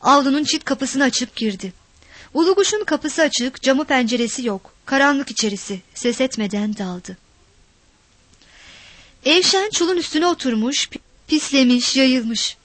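High-voiced woman narrating a story. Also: lively intonation, a little slow, a bit bright, dry recording.

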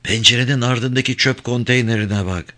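A man reading aloud voices a gruff, sardonic male police detective with a dry, grumbling manner. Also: medium pitch, moderate pace, bright, forceful tone, lightly acted.

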